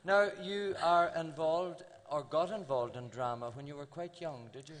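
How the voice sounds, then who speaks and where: A man's voice: fairly high pitch, moderate pace. A man hosting a stage interview with friendly, teasing questions. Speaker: festival host. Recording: echoey hall, faint crowd noise.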